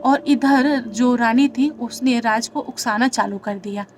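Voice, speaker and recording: A woman's voice: a little high, measured pace. A woman narrating a horror story in a conversational way, talking straight to her listeners. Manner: conversational retelling, addresses listeners as friends. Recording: music bed behind the voice.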